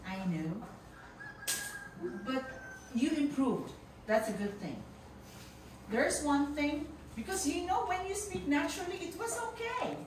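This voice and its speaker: Woman, high voice, encouraging teacher critique, frequent check-ins, heavy echo, noisy background. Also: lively intonation, measured pace, pauses often. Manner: encouraging, repeats "okay" as a check. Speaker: teacher giving feedback. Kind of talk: spoken feedback on presentations. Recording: echoey noisy room, distant mic.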